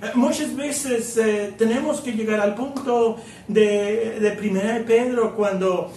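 A man's voice: sits high, fairly even intonation, slow pace, a little mellow, roomy sound, recorded from a distance, slight background noise. A man preaching a sermon with many fillers, asking the congregation questions.

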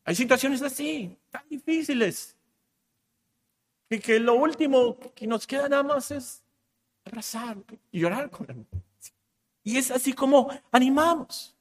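A man preaching a sermon in a church, moving from loud emphatic lines to hushed asides. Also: extremely high pitch, unhurried, long pauses.

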